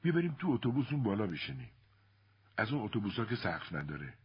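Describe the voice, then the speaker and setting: A man voicing a chatty, excited little girl in a storybook reading, in a raised, squealy voice. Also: lowish voice, breathy edge, lo-fi sound, pitched above the performer's own voice, full character voice.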